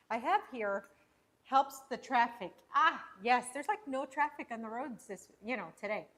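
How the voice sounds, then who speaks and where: A woman with a slightly high, somewhat bright voice hosts a casual cooking livestream from her home kitchen. She chats and rambles while prepping food, frequently restarting her sentences.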